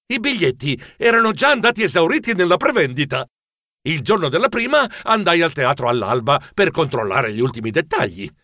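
An actor playing an anxious, fussy male mouse telling his own story in an audiobook, expressive and easily flustered. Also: fairly high pitch, a little fast, no room sound, full character voice. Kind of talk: audiobook narration.

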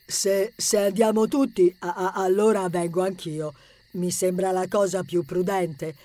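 Actor playing a jittery know-it-all teen boy, stammering, slow careful speech, dry close sound. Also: medium pitch, darkish tone, dry recording, natural voice. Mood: nervous. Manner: stammering, fussy. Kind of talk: audiobook character acting.

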